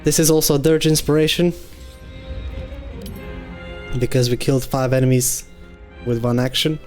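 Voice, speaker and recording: A man hosting a gaming channel, calmly thinking aloud through his tactics as let's-play commentary. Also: mid-range voice, normal speed. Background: game music.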